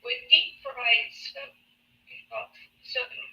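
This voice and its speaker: A woman's voice: takes it slowly, pushed and bright. A woman reading a sarcastic comic poem while her call audio glitches and breaks up. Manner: sarcastic, mock-earnest delivery. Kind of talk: reading comedic satirical poetry. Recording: muffled distant phone-line audio.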